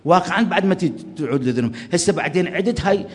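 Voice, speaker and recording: A male preacher with an Iraqi accent delivers a fast, impassioned sermon in a somewhat high voice. He swings between fervent calls and hushed, pleading prayer. A long reverb rings around him in the large hall. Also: expressive, breathy edge. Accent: Iraqi Arabic.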